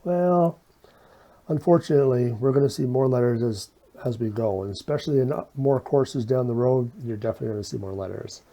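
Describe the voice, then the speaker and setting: A man moves briskly through an informal step-by-step math video lesson, talking as he solves problems in a folksy way and answering his own questions. His mid-range voice is mellow with a slight whistle on s sounds, and the audio is dull.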